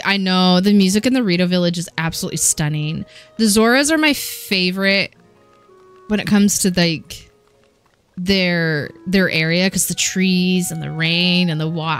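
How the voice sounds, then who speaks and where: A woman's voice: on the low side, fairly bright tone. A young woman casually chatting and giggling while streaming a video game, sometimes reading in-game dialogue aloud.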